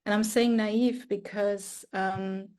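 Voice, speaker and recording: This Austrian astrophysicist and artist speaks slowly and steadily in a mid-range, somewhat dark voice. Recorded on a video call, she reflects casually and thoughtfully on her journey, often starting sentences over.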